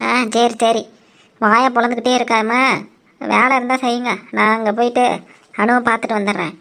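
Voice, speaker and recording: A woman voicing a brisk, bossy village woman in a cartoon. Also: a little high, little pitch movement, vocal fry, fairly bright tone. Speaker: cartoon narrator and voice actor. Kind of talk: cartoon voice acting.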